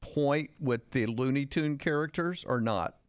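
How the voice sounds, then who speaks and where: A man's voice: mid-range voice, a little slow, clear, resonant tone, dry recording, studio quality. A man hosting an interview, asking casual, conversational questions.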